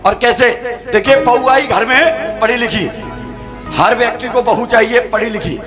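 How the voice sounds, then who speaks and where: A high-pitched man jokes and laughs as he tells comic stories to a crowd from a stage mic at a religious night vigil. He talks straight to the audience and keeps the banter going. A live band plays clearly behind him. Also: unhurried. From Agra, India. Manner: joking, chatty, addresses the crowd directly and often laughs. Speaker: devotional night-vigil singer and compere. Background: live band music.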